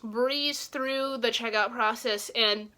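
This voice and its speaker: A young woman with a very bright, forward voice chats informally to her viewers. Her speech is slightly awkward from a swollen, sore cheek, as if she just had dental work. She rambles along in a casual beauty-vlog style. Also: fairly high pitch, fairly even intonation, slow pace. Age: young adult. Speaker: beauty vlogger. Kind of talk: casual chat to camera.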